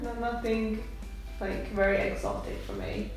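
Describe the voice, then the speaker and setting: Woman, soft-spoken, casual group chat, laughs often, echoey room. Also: a little high, steady tone, unhurried. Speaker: co-host of a channel Q&A. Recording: roomy echo with music.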